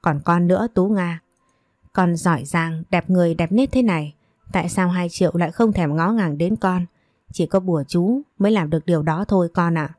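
A woman's voice: lowish voice, moderate pace, darkish tone, no echo, clean studio sound, close to an everyday voice. A woman voicing a bitter, domineering old mother. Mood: spiteful. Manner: scolding, self-pitying wails. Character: bitter domineering older mother, landowner's wife.

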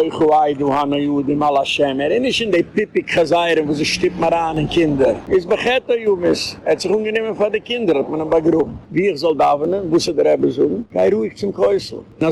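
A man's voice: a little high, vocal fry, a little mellow, slight background noise, poor audio. A man giving a rambling, meandering lecture, mixing in English words. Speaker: rabbi, activist speaker.

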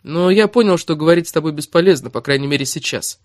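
A man's voice: fairly high pitch, quick pace, no room sound, close to an everyday voice. Blunt annoyed young guy lecturing, man reading it in about his own voice, dry close mic. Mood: cold. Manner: blunt, scolding, sometimes cold and flat. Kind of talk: audiobook character reading.

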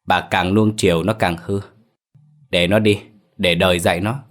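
A man voicing a stern older father whose hoarse voice trembles. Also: sits low, fairly even intonation, normal speed, close to an everyday voice. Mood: alarmed.

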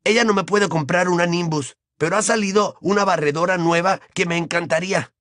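A man's voice: high voice, a little fast, fairly bright tone, no echo, clean studio sound, voice pushed up. A man voicing a touchy, earnest teenage boy wizard who talks in a slightly raised, youthful voice. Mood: grumbling.

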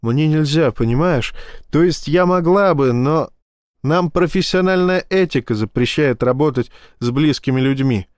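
A man's voice: fairly high pitch, normal speed, clean tone, no echo, clean studio sound, pitched above the performer's own voice, lightly acted. Man voicing a weary bitter woman psychologist. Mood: pained. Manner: tired, resigned.

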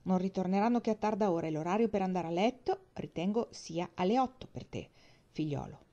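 A woman voicing a calm, firm father who speaks in a measured way. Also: medium pitch, highs cut off, natural voice.

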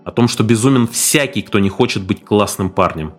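A man narrating a story in an expressive, dramatic reading style. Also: fairly low pitch, moderate pace, faint music behind. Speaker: audiobook narrator.

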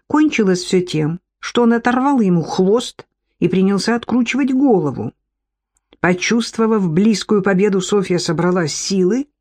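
A woman's voice: mid-range voice, a little mellow. A woman reading a novel aloud, narrating expressively and shifting her voice for the characters.

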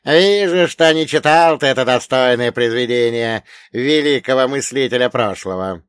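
A man's voice: fairly high pitch, lively intonation, unhurried, a bit bright, dry recording, clean studio sound, pitched above the performer's own voice. A man voicing a learned old dead grandfather who lectures with a mocking, grumbling manner. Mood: lecturing.

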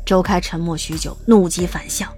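A woman reading the narration of an audio drama in a smooth, lightly wry storytelling manner. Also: on the low side, fairly even intonation, moderate pace, music in the background.

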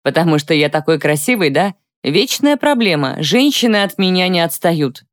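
A woman's voice: fairly low pitch, big pitch swings, normal speed. A woman voicing a charming, boastful young man who teases and jokes in a self-satisfied drawl. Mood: playful.

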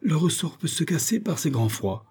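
A man's voice: fairly high pitch, sing-song, moderate pace, warm tone, breathy edge, pitched above the performer's own voice, heavily acted. Man voicing a whining old miser. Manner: wheedling, lamenting.

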